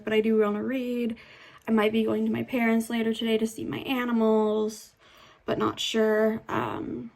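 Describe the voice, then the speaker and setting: Rambling young woman, higher-pitched voice. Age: young adult. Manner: rambling, hesitant, informal with swearing. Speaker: vlogger. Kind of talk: casual vlog update.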